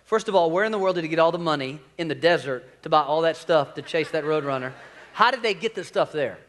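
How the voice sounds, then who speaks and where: Preaching from a big church stage fitted with screens, this senior pastor in his forties uses a folksy, humorous manner that pulls in the audience. His voice is fairly high and fairly bright, expressive and quick-paced.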